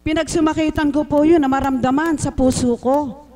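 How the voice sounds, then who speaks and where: A man's voice: extremely high pitch, fairly even intonation, normal speed, darkish tone. A man from the Philippines giving an earnest, emotional religious testimony, speaking politely and respectfully to a congregation. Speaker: church member giving testimony. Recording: live stream recording.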